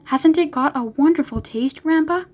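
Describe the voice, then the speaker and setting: A woman's voice: sits high, normal speed, darkish tone, pitched above the performer's own voice, close to an everyday voice. A woman voicing an eager young boy full of wonder in a storybook, with a questioning manner. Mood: awed.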